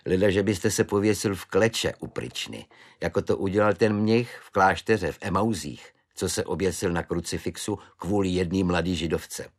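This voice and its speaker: A man doing a cheerful, blithely chatty soldier. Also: sits low. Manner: cheerful, chatty, matter-of-fact. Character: good-natured, blithely unfazed soldier, adult man.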